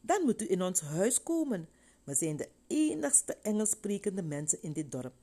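A woman voicing an eager ten-year-old girl who asks excited, insistent questions. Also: mid-range voice, normal speed, pitched above the performer's own voice. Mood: welcoming.

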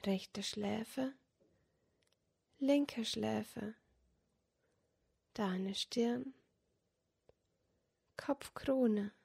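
A woman guiding a meditation in a soft, soothing, dreamy and breathy voice, giving short spoken cues. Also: on the high side, very slow, long pauses. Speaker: yoga nidra meditation guide. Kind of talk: guided meditation body scan, slow spoken cues.

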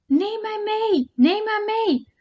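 A woman voicing a group of eerie forest lights that call out to a traveler in a slow, high sing-song. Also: animated, exaggerated voice. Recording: dull lo-fi recording.

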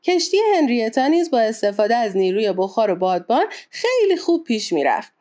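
High-voiced woman reading a storybook. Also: sing-song, mellow. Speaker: audiobook narrator. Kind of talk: storybook narration.

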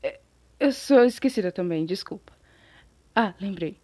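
Brazilian woman, storytime vlogger: mellow, chatty, scratchy throat, dry close sound. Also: mid-range voice, a little slow, breathy edge, dry recording. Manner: chatty, animated, loses her thread and apologizes. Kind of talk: casual storytime monologue.

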